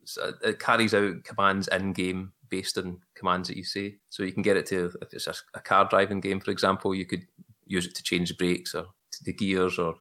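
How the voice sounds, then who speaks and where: Glaswegian man, lowish voice, casual chat. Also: little pitch movement, moderate pace, pushed and bright. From Scotland.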